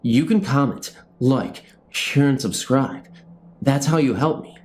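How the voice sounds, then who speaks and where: A man's voice: mid-range voice, unhurried, darkish tone, slight background noise, pitched above the performer's own voice, natural voice. A man voicing a frustrated man stuck at his computer who can't get his videos edited, exasperated and pleading.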